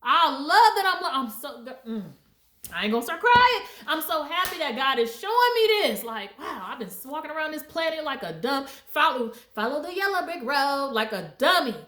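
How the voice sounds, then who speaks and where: A woman's voice: sits high, sing-song, moderate pace, pushed and bright, roomy sound. A woman giving blunt life advice in a casual, emphatic and preachy monologue, laughing often.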